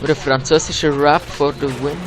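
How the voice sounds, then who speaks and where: A man's voice: fairly high pitch, fairly quick, over music. A young man with a Swiss German accent, chatting casually and swearing while playing a co-op shooter with a friend. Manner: swearing, laughing, excitable. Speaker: gamer. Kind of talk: casual co-op gameplay chat. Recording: faint game noise behind.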